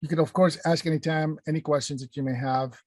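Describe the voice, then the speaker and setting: A man's voice: on the high side, steady tone, fast talker, a little mellow, dry recording. Middle-aged man presenting an online workshop. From Palestine, raised in Kuwait. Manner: conversational, many fillers and restarts, addresses chat. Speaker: workshop presenter, company founder.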